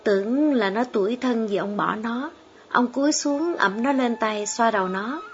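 A woman narrates a storybook in a steady, measured voice. Her voice sits fairly high. The audio is dull and lo-fi, with soft music behind her. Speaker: audiobook reader.

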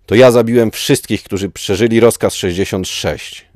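A man putting on a cold, cruel armored dark lord from a read-aloud story. The voice is low and rough, dry and close, with slow, taunting menace in every word. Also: dry recording, close to an everyday voice. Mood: goading. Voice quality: rough, mask-distorted voice.

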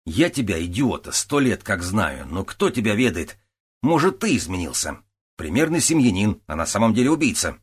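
A man's voice: lowish voice, big pitch swings, normal speed, slightly rough. A man voicing a weary, sarcastic police captain. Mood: exasperated. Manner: stern, sarcastic, barking orders. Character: weary, exasperated middle-aged male police captain. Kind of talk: audiobook character voice.

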